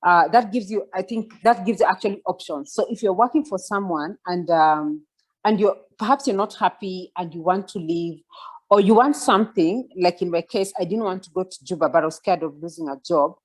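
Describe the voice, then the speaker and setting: This woman, in her forties, mentors listeners over a video call as a guest speaker, reflective and prone to fillers and restarts, and she asks them to keep up with her. Her pitch is fairly low and her delivery fairly quick.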